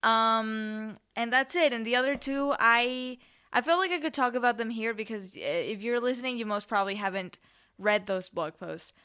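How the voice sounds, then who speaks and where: Young woman doing a solo podcast, bright crisp voice, rambly casual storytelling, keeps correcting herself. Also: on the high side, moderate pace. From Spain, with family in Mexico. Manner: rambling, self-correcting, informal. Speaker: podcast host.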